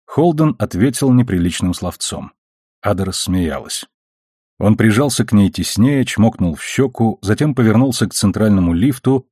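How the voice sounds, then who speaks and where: A man reading an audiobook as narrator, with steady, measured delivery. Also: on the low side, husky, no room sound, studio quality. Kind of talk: scripted narration.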